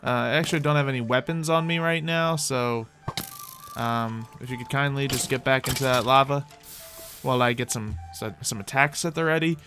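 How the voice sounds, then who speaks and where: A mid-range, steady voice with a sharp tone comes at normal speed over faint background music. The speaker is a gaming host roleplaying a character, delivering playful, off-the-cuff commentary as he thinks aloud for viewers.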